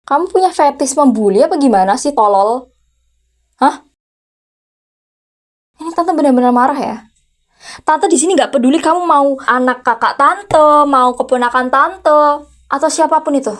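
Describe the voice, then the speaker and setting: A woman's voice: high voice, normal speed, pauses often, close to an everyday voice. A woman in an ASMR role-play voicing a furious, unmarried rich aunt who runs a company and is scolding her teenage nephew with sarcastic, challenging questions. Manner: scolding, sarcastic, repeated sharp "hah?" challenges. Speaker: VTuber role-play creator.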